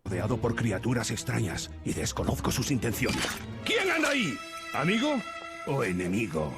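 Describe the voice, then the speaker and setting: A man playing a grandiose, gallant toy space hero with a Spanish accent and theatrical delivery in an animated film. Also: medium pitch, a little fast, gravelly. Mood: eager, alert. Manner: dramatic, theatrical. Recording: loud film music behind.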